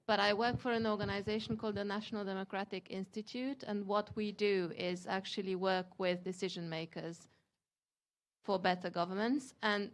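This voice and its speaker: A woman from Hungary asking a panel a measured, thoughtful question from the audience. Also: medium pitch.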